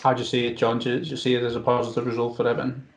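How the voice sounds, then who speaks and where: A man's voice: mid-range voice, monotone, rapid-fire, gravelly, a little hiss or hum. A man hosting a casual fan podcast, talking over an internet call. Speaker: podcast host. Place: video call over Skype. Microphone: video call microphone. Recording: dull, lo-fi internet call audio.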